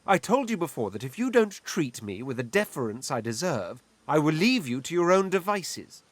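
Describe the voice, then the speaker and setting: An actor playing a vain, imperious aristocrat in a video game, pompous and scolding. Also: male voice, fairly high pitch, very animated, normal speed, no echo. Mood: indignant.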